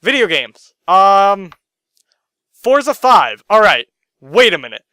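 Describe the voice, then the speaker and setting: A young man ranting to camera in his room, sarcastic and profane, jumping from loud outbursts to muttered asides. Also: high voice, big pitch swings, a little slow, clear, resonant tone, dry recording, studio quality. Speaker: gaming vlogger.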